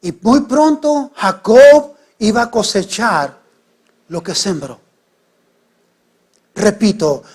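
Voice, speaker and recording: A middle-aged man preaches from the pulpit in a high voice. He drops to near whispers, then rises into loud, stressed calls. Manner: preaching with sudden swings from hushed to loud. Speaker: pastor. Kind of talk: sermon.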